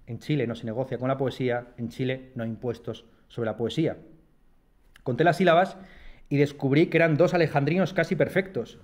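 A man's voice: a little high, darkish tone. A man from Madrid with a Madrid Spanish accent, a philosopher reading a prepared lecture in a lecture hall, with wry, self-deprecating asides. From Madrid, Spain. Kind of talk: read-aloud lecture. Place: lecture hall at a university residence.

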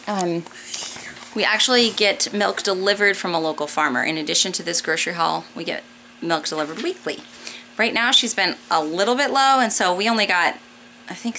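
Her voice is medium in pitch with a fairly bright tone: an American mom in her thirties doing a casual grocery haul for her family vlog, chatting through household items one by one. She's indoors in a home kitchen or dining room, recorded on a close handheld camera, and the audio is noisy with room ambience.

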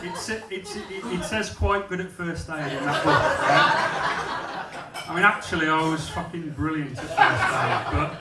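On the small stage of a comedy club, a man from England holds a handheld mic and delivers a blunt stand-up bit mocking himself to a live audience. He speaks a little slowly in a voice on the high side. Heavy background noise, audience laughter and an echoey room surround him, and the mic sits distant and off-axis.

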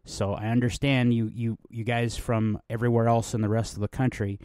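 A man's voice: medium pitch, level tone, brisk, darkish tone, no room sound. Man, middle-aged, from New Mexico, podcast host, rambling casual monologue, dry close sound. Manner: rambling, conversational, with many fillers and restarts.

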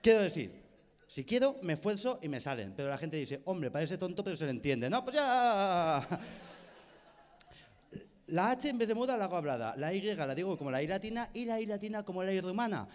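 A man doing stand-up comedy with an exaggerated speech impediment, mangling his R and S sounds, and joking at his own expense with quick asides and tag questions. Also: high voice, big pitch swings, a little mellow, big-room sound. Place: stage in a comedy venue with audience.

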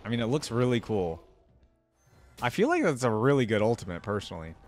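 Soft background music sits under this young man's medium-pitched, brisk voice, which swings widely in pitch. He's a young adult reaction host talking informally about gameplay into a close desktop mic and headset, with clearly audible background noise.

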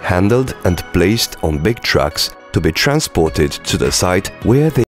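Deep-voiced male documentary narrator. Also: sing-song, a little slow, faint music behind. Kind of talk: scripted narration.

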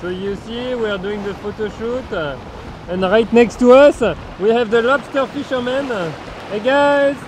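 Upbeat French-accented man, high voice. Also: moderate pace, noisy background. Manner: upbeat, playful, with French words mixed in and some searching for words. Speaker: vlog host. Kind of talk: casual travel vlog narration. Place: outdoors on a sailing boat.

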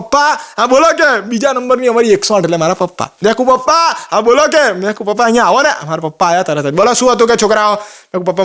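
A man with a Gujarati accent telling comic stories, quoting his father and others in quick exchanges. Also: sits high, fairly bright tone. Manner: rapid storytelling with quoted voices. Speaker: comedian. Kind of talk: stand-up joke telling.

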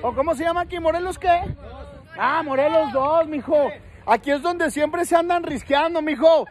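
A man with a Mexican accent hosting a street vlog, joking, teasing and shouting to people outdoors at night. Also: very high-pitched, moderate pace. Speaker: street prankster host. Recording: busy street with crowd chatter. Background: crowd chatter.

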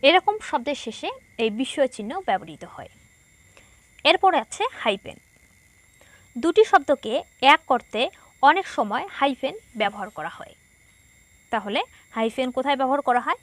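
A woman's voice: high voice, very animated, a little slow, long pauses, fairly bright tone. A woman teacher from Bangladesh explaining a textbook lesson, patiently repeating each point and asking herself questions.

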